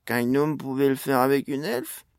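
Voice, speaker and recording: A man's voice: medium pitch, lively intonation, normal speed, no echo, studio quality, natural voice. A man doing a cheeky easygoing gnome. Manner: casual, cheeky.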